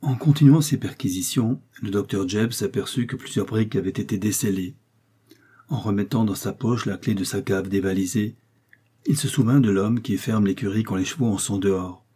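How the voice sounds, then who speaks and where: A man narrates a classic novel as an audiobook in a low, husky voice. His delivery is measured and even. The tone is dark and mellow. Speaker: audiobook reader.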